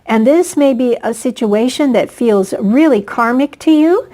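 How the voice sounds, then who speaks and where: A woman's voice: fairly high pitch, lively intonation, dark tone, low-quality recording. Earnest woman giving an oracle card reading. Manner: earnest, encouraging, pauses with fillers; slow invocations addressed to angels. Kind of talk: solo spiritual card reading.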